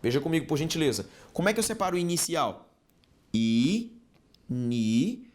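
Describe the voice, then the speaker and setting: A man's voice: a little high, very fast. A man from Brazil teaching an exam-prep grammar lesson, speaking animatedly and checking in with his students often. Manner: animated, addresses students directly with frequent check-ins. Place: online course studio.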